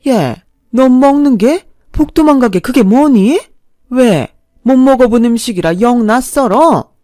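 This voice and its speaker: A woman voicing a sharp-tongued, contemptuous middle-aged mother-in-law in a spoken story. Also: fairly high pitch, normal speed, dry recording, clean studio sound, pitched above the performer's own voice, lightly acted. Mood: scornful. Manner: contemptuous, snapping.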